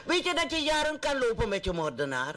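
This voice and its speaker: A male radio host with a high-pitched voice and a Surinamese Dutch accent. He talks casually but emphatically, in a preachy way, repeating phrases to drive them home. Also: wildly swooping pitch, brisk, bright, forceful tone.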